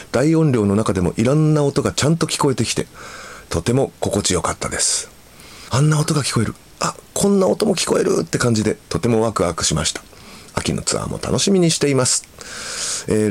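A man hosting a radio show. He reads listener mail and chats in an easygoing way, with soft fillers and pauses. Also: on the low side. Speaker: radio host.

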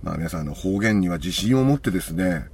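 Husky-voiced male radio co-host. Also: deep voice, quick pace. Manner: warm lively banter, reads listener letters. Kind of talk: casual radio chat.

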